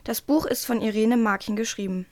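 A woman's voice: a little high, fairly even intonation, fairly quick, darkish tone, dry recording. A woman presenting a book and reading a passage from it aloud, in an earnest, careful way with small stumbles.

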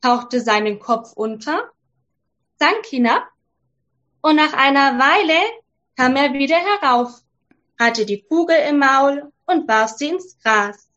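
Woman storyteller for kids: high, slow, gentle, on a dull lo-fi recording. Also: expressive. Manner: slow, gentle and clearly spoken for children. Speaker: storyteller for children. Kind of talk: reading a fairy tale aloud.

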